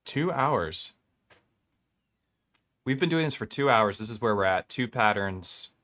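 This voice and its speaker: A man's voice: on the low side, lively intonation, unhurried, fairly bright tone. A man talking through a vocal processor that heavily compresses his voice. He is an electronic music producer chatting casually and enthusiastically on a live stream, rambling and restarting his sentences. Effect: voice heavily compressed through a vocal effects processor.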